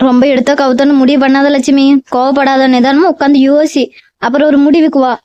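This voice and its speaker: A woman playing a calm older sister who soothes and reassures, on a dull, dry recording. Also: high-pitched, quick pace, dry recording, close to an everyday voice. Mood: soothing.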